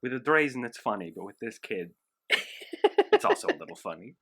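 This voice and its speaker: A man speaking as a player in a tabletop game, earnest and thinking out loud. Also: mid-range voice, lively intonation, brisk, creaky. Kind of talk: casual tabletop play.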